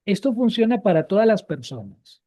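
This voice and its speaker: A man's voice: high voice, big pitch swings, normal speed, dark tone. A man teaching a live Biblical Hebrew grammar class, explaining patiently and repeating each key point.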